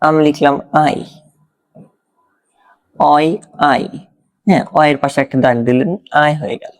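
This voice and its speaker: A man's voice: a little high, steady tone, fast. Bangladeshi man teaching, step by step. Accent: Bangladeshi Bengali. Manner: explains step by step, often checks "ঠিক আছে?". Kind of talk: exam-prep grammar lesson.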